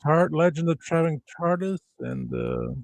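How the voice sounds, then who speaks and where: A man co-hosting a casual podcast, talking haltingly with many fillers and sounding distracted. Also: on the high side, wildly swooping pitch, dry recording. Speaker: podcast co-host.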